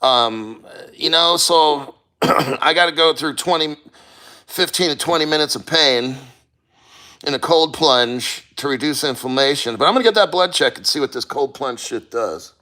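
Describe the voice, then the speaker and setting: A man chatting casually on a livestream, blunt and sweary, with halting, strained delivery and throat-clearing as he endures cold. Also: fairly high pitch, animated, bright, forceful tone. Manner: halting, sighing, throat-clearing while enduring icy water. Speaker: livestreamer reading viewer comments.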